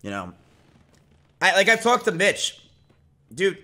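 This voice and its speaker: Slow and sing-song, his high-pitched voice sounds pushed and bright. He's a man in his twenties on a live stream from a small indoor home setup, rambling casually with lots of fillers and restarts and getting heated and blunt.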